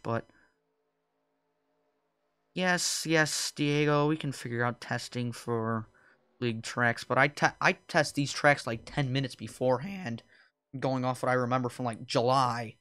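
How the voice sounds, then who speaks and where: A young male league host commentates a sim race on his stream. His voice is smooth and clear at a mid pitch. He drifts into offhand chatter with viewers, then calls the racing action loud and high. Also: steady tone, unhurried. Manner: casual, rambling asides to chat between race calls.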